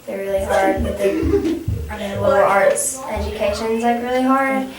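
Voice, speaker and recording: Halting young woman, distant and echoey. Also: medium pitch, flat delivery, music in the background. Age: young adult. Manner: halting, repeats and restarts phrases. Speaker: student playing a counseling client. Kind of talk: conversational counseling role-play. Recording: echoey, distant, noisy room recording.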